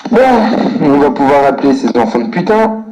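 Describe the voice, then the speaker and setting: A man's voice: medium pitch, big pitch swings, a little fast, dark tone, slight background noise. A man ranting furiously at a customer service line, swearing constantly and muttering to himself between calls. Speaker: irate customer on a prank call. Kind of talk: angry phone rant, swearing. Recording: echoey room, recorded phone call.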